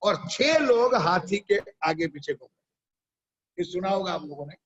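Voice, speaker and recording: A man's voice: high voice, very animated, unhurried, fairly bright tone, breathy edge, dull audio. A man preaching a sermon. He tells a parable and keeps stopping to quiz his listeners. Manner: questions the audience often. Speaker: religious preacher.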